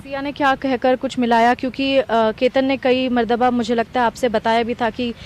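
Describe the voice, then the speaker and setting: A woman's voice: a little high, little pitch movement, normal speed, a little mellow. Earnest woman reporter, probing questions. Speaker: TV news reporter. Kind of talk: news interview questioning.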